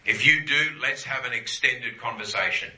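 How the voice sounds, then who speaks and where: A man's voice: medium pitch, moderate pace, bright, forceful tone, roomy sound, low-quality recording. A man teaching a Bible class to a group, conversational, often checking in with "yeah?" and repeating phrases for emphasis.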